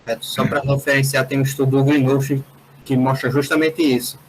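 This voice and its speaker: Brazilian-accented man, monotone, matter-of-fact, faint background noise. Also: medium pitch, normal speed, poor audio. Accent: Brazilian Portuguese. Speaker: meeting participant. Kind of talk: academic discussion.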